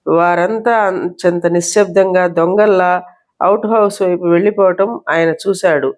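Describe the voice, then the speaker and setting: Woman storyteller, steady reading. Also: on the low side, normal speed. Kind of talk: scripted narration.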